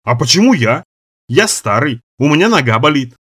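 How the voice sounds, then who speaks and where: A man's voice: mid-range voice, very animated, normal speed, fairly bright tone, slightly rough. A man voicing an old, cowardly male scavenger who pleads in a tearful, whiny way. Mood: panicky whining.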